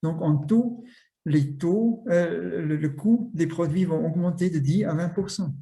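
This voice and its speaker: A man with a foreign, non-native accent in French, giving a presentation in a halting, explanatory way with rhetorical questions. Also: a little high, gravelly, mellow. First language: not French. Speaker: industry association representative, speaker. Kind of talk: presentation to an audience.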